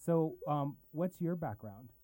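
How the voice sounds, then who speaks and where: A man's voice: a little high, expressive, slow, dark tone, poor audio. A man hosting a podcast interview, asking questions while searching for words. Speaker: podcast host. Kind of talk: casual interview chat.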